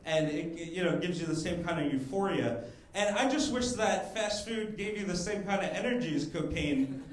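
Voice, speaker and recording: A young man doing a stand-up comedy set on a club stage, mixing crowd work and quick asides, speaking into a handheld mic. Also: high-pitched, lively intonation, slight background noise. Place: comedy club stage before a live audience. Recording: roomy live club sound with audience laughter.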